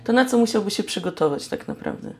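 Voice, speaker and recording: Woman interviewer asking calm questions. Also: medium pitch, quick pace, vocal fry. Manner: brief, calm questions and backchannel.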